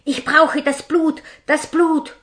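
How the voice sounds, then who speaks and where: A woman's voice: high voice, little pitch movement, slow, a bit bright, pitched above the performer's own voice. A woman voicing a sickly, cruel little male robber chief with a thin piping voice who hisses commands. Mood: snappish. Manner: hissing, snapping commands.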